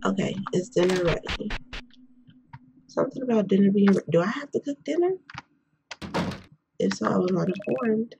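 A young woman hosting a game playthrough in a quiet whisper, chatting casually as she plays. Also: mid-range voice, animated, normal speed, vocal fry, pauses often. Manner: whispering quietly, keeping voice hushed. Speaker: gaming video host. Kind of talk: whispered let's play commentary, casual chat. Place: indoors at home. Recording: noisy background, keyboard and mouse clicks.

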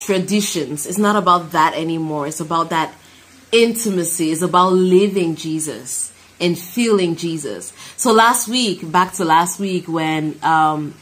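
A woman's voice: lowish voice, measured pace, fairly bright tone, breathy edge, poor audio. A woman in her thirties from Cameroon giving a heartfelt, emphatic personal testimony and prayer to camera. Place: small room indoors. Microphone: phone at arm's length.

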